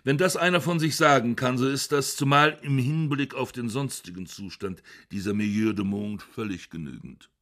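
A man of middle pitch reads literary prose aloud. His delivery is dry, ironic and measured. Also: fairly bright tone. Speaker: narrator. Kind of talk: literary reading.

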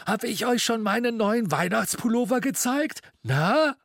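A man voicing a skinny, croaky old Scrooge in a storybook reading, talking in a high, shrill and animated way. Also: unhurried, dry recording, clean studio sound, full character voice. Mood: cheery. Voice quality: croaking, rasping.

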